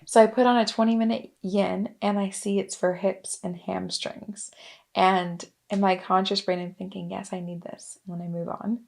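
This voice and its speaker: A young woman telling a personal story in a casual, chatty way, full of "like" and "um", with soft asides. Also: mid-range voice, little pitch movement, normal speed. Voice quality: creaky fry voice. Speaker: wellness vlogger.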